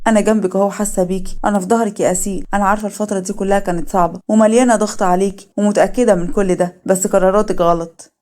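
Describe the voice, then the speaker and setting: A caring young friend who scolds with insistent, reproachful questions, played by a woman. She speaks in an Egyptian accent, and her voice is dark, mellow and very fast. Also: mid-range voice, steady tone, close to an everyday voice. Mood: tender.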